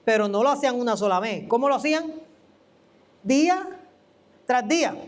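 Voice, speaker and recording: A preacher gives an animated, conversational teaching sermon, asking the listener questions. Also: mid-range voice, moderate pace. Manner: animated, asks the listener questions and acts out quoted voices. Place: church.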